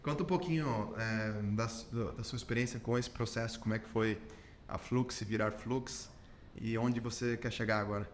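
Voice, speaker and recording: With a fairly low pitch and a steady tone at normal speed, a Brazilian podcast host sets out his opinions during an interview, against slight background noise. He checks in with his guest as he explains, closing points with "entendeu?".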